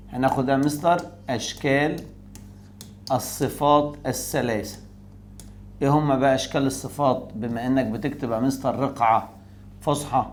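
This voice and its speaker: A man's voice: medium pitch, a little hiss or hum. A man with an Egyptian Arabic accent teaching a recorded English grammar lesson. He explains step by step and answers his own rhetorical questions.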